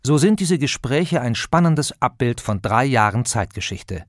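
A man reading an audiobook introduction in a measured, even studio narration. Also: medium pitch, dry recording.

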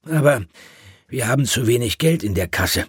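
A friendly old grandfather hedgehog from a storybook, husky and raised in pitch, as a man puts him on. He chats in a warm, lively, easygoing way. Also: normal speed, no room sound, studio quality. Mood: genial. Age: older.

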